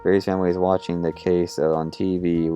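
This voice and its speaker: A young man reading a film script aloud with stage directions in a flat monotone, often stumbling over words. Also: sits low, fairly quick, highs cut off, soft background music.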